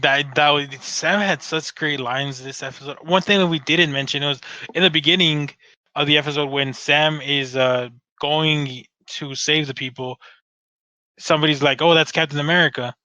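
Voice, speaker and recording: Bright-voiced man rambling in casual chat. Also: on the high side, steady tone, moderate pace, no echo. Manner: rambling, restarts, swears freely. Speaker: podcast co-host. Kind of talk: casual fan discussion. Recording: dull dry lo-fi sound.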